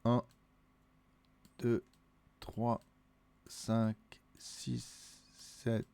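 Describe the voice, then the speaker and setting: Slow, gravelly Vaudois Swiss man. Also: mid-range voice, completely flat delivery, warm tone. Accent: Vaudois Swiss French. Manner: mutters and counts under his breath, musing to himself. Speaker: solo wargame player. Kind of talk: thinking aloud through a solo board wargame.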